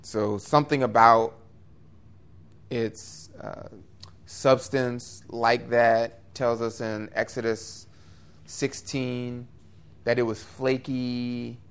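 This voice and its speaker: A man's voice: medium pitch, extremely slow, clear, resonant tone. Earnest conversational male preacher. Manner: earnest, conversational, with lively rises and asides. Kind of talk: expository sermon.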